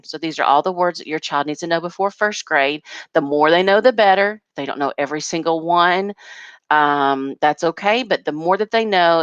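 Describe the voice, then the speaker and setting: A woman's voice: low voice, fairly bright tone, smooth, no room sound, lo-fi sound. A woman kindergarten teacher patiently walking parents through a home learning packet, step by step.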